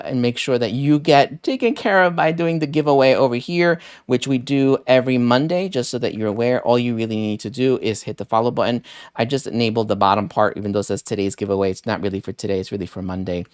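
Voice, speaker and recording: A man's voice: mid-range voice, smooth, no echo, clean studio sound. A man hosting a live deals stream, chatting casually and rambling with many fillers while thanking viewers by name. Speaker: livestream deals host.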